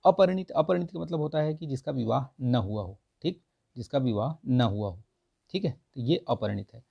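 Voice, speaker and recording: A man's voice: medium pitch, expressive, normal speed, vocal fry, breathy edge, dull audio. A man teaching a grammar exam-prep lesson, repeating each answer and checking in often with his students.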